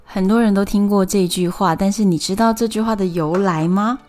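A woman with a Taiwanese Mandarin accent hosting a storytelling podcast, explaining things in a chatty way with drawn-out sentence particles. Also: medium pitch, steady tone, darkish tone, faint music behind. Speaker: podcast host.

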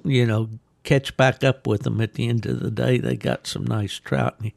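Gravelly, folksy American man hosting a podcast. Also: medium pitch, steady tone, moderate pace, dry recording. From West Virginia, United States. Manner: folksy, rambling. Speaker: podcast host. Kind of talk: casual chat, reminiscing. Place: at home in a hot room he calls a sauna, fan and ice bucket.

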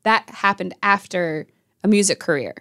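A woman's voice: medium pitch, moderate pace, sharp tone. A woman hosting a podcast, asking curious, conversational questions. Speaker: podcast host. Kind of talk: interviewing.

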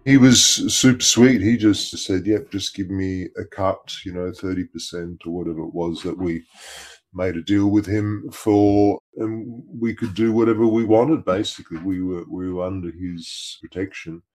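A man recalling his past in an interview, his voice electronically altered and disguised to sound very low. He speaks hesitantly, often repeating words and restarting. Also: fairly even intonation, moderate pace, darkish tone, poor audio. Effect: voice electronically altered to disguise identity, deep. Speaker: interviewee, former employee. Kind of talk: casual recollection in an interview.

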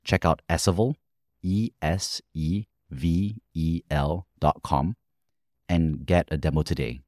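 Deep male announcer for a crisp, dry promo read. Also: slow pace, a little mellow, no room sound. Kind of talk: read advertisement.

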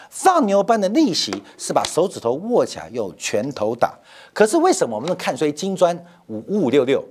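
A man's voice: fairly high pitch, breathy edge. A middle-aged man hosting a financial commentary show, emphatic and rhetorical, repeating phrases to drive points home.

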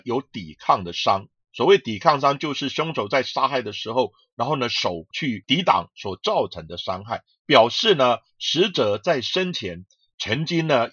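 A man's voice: mid-range voice, a bit bright, husky, no echo, highs cut off. A man narrating true crime in short, emphatic phrases.

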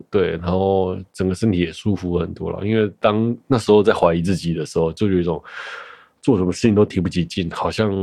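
A man's voice: low voice, gravelly, dark tone, no echo, studio quality. A man in his thirties hosting a podcast, chatting casually on his own and telling a story in a rambling way, often correcting himself. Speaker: podcast host. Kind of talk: casual solo chat.

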